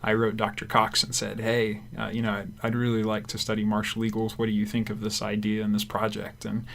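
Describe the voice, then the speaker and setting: A young man with a low-leaning, creaky voice talks fairly quickly in a relaxed studio radio interview. Raised in Africa, he's a graduate student from Zimbabwe and Kenya who rambles with plenty of fillers.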